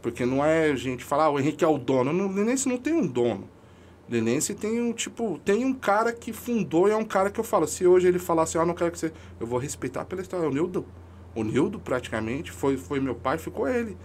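Guy on a podcast, slangy and emphatic, kinda high voice, faint hiss behind. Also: animated, fairly quick, darkish tone. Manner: emotional storytelling, slangy and emphatic. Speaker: podcast guest, amateur football club leader. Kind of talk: casual chat.

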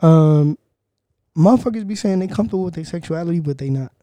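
A man's voice: on the high side, lively intonation, fast talker, dark tone, no room sound. A young man as a guest on a podcast, talking in a laid-back way in casual chat, laughing and often restarting his sentences.

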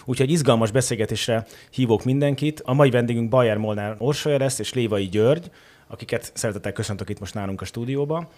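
A man hosting a podcast, introducing his guests in a friendly, slightly halting manner. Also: mid-range voice, darkish tone. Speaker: podcast host. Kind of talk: welcoming introduction.

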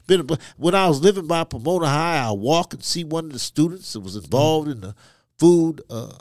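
A man with a fairly high voice shares his testimony in a conversational interview. He phrases things hesitantly, and the sound is close and dry. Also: expressive, fairly quick, a little mellow, no room sound. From Ivory Coast, West Africa. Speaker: podcast guest.

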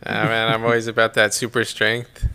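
A man in casual podcast banter who drops silly jokes in a deadpan way. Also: on the low side, moderate pace, creaky, crowd noise. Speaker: podcast co-host.

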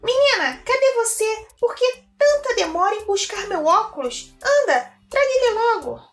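A woman voicing a cranky, greedy old witch in a storybook reading, shrill and scolding. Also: sing-song, moderate pace. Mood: impatient. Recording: roomy with soft music.

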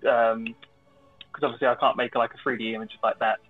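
A man's voice: mid-range voice, steady tone, quick pace, faint music behind. A man chatting casually as a player in a tabletop game, thinking aloud with some hesitation. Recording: thin, phone-like voice call sound.

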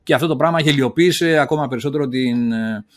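A man co-hosting a podcast, explaining events at length in casual analytical chat, full of fillers and openly sceptical. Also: medium pitch. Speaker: podcast co-host.

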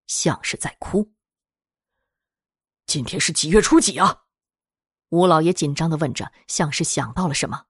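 Woman reading a spooky story aloud, lively husky voice, dry close sound. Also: lowish voice, no room sound. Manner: expressive, voices each character. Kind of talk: dramatic audiobook narration.

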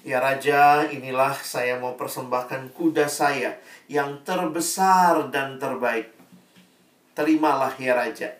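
Seorang peternak kuda yang licik dan penjilat, dibawakan seorang pria, berbicara dengan nada formal yang dibuat-buat. Ruangannya bergema dan suaranya terdengar jauh. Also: male voice, mid-range voice, slow, lightly acted. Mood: ingratiating. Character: scheming horse breeder hoping for reward. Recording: echoey room, voice from far off.

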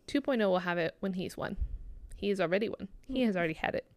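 A woman's voice: mid-range voice, animated, fast, no echo. A woman in her late twenties, chatting casually and matter-of-factly as a podcast co-host. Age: 20s. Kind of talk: casual chat.

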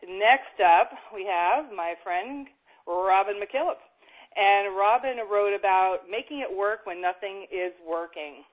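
A woman's voice: mid-range voice, slow pace. A woman hosting a casual interview, upbeat and chatty, often laughing as she talks. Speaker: interview host and book editor. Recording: phone-like narrow line.

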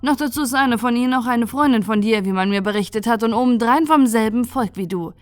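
A woman's voice: fairly high pitch, fast talker, no room sound, lightly acted. A woman voicing a ruthless female inquisitor who speaks in a cold, commanding, contemptuous way. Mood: stern.

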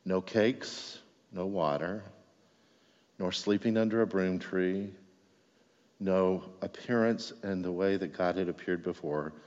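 Low-voiced pastor preaching in an echoey hall. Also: male voice, slow pace, a little mellow. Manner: conversational preaching, checks in with the congregation. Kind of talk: sermon. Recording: echoey hall, dull lo-fi sound.

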